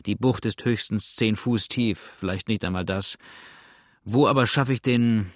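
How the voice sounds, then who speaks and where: A man's voice: lowish voice, measured pace, dry recording, studio quality, natural voice. A man reading aloud as a grumbling, blunt old male boatswain in a storybook. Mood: gruff.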